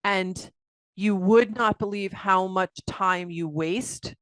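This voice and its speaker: Middle-aged woman, interview guest, lively storyteller, mid-pitched voice, dry sound, video call. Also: slow, no echo. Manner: animated storytelling, acts out quoted voices. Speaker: guest, accountant and coach. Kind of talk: interview conversation.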